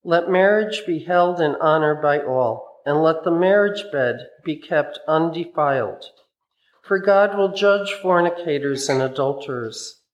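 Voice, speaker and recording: Higher-voiced man reading scripture, echoey church. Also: unhurried, muffled recording. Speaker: lay reader at a church service.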